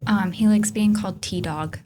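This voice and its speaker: A woman's voice: medium pitch, a little slow, a little mellow. Friendly female podcast co-host, polite and casual, faint hiss behind her, recorded inside a house. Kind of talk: casual chat during a ghost hunt.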